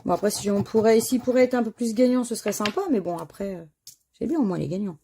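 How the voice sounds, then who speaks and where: A woman vlogging her scratch cards talks fast in a warm, mid-range voice, with slight background noise in the recording. As she casually scratches lottery crossword tickets, she reads words and letters one by one and sighs when they don't hit.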